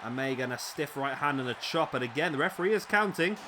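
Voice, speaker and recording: A man at a quick pace and medium pitch narrates wrestling video game action play-by-play, his voice slightly raspy. He's chatty in asides and excitable whenever a big move lands, with noise in the background.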